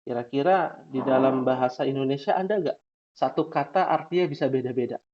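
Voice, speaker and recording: Man teaching, tagging lines with "ya". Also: mid-range voice. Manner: drawn-out questioning, frequent "ya" tags. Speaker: Arabic teacher. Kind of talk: classroom lesson. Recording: dull lo-fi recording.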